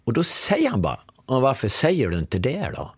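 A man's voice: medium pitch, slightly rough, no echo, clean studio sound. A man in his fifties, a guest and former business consultant, telling a story in conversation and acting out the dialogue. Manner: animated, acts out quoted dialogue.

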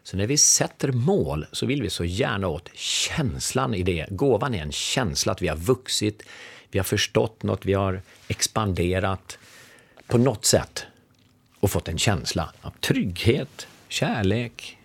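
A middle-aged man telling a long anecdote in a relaxed chat, acting out the lines of the people in it. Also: on the low side, gravelly, slightly rough, dry recording. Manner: animated anecdote teller acting out dialogue. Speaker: podcast guest. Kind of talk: storytelling in casual conversation.

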